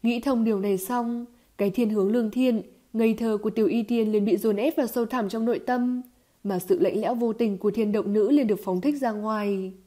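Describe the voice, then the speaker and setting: A woman giving scripted audiobook narration of a novel in an even, steady storytelling manner. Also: on the high side, fairly quick.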